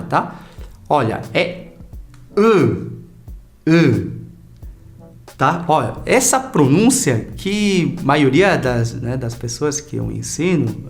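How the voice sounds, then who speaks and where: Lively man teaching a language lesson. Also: medium pitch. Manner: lively, chatty, drills sounds for repetition. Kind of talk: casual online language lesson.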